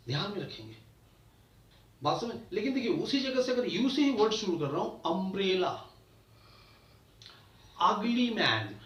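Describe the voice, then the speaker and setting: Lively-pitched teacher in an echoey room. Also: male voice, distant mic. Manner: explains rules step by step with repeated checks and examples. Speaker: English grammar teacher. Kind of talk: classroom lecture. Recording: echoey room, voice somewhat off-mic.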